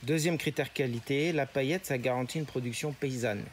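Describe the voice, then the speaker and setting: With a mid-range voice and a fairly quick pace, a man who farms spirulina patiently lays out his process step by step in an interview. The background is noisy and ambient.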